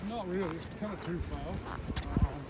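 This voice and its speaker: A man's voice: fairly high pitch, moderate pace. An older man chatting casually as an informal guide on a walk, rambling along with wry asides. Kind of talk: casual walking-tour chat. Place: outdoors, walking around a campus. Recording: very noisy outdoor recording while walking.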